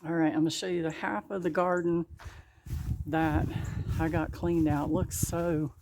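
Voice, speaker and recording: Out in her garden and a little out of breath, a woman chats warmly with viewers, laughing in an easygoing, folksy way. Her low, slightly mellow voice stays fairly flat in pitch and moves at a measured pace. Slight background noise is present in this vlog narration.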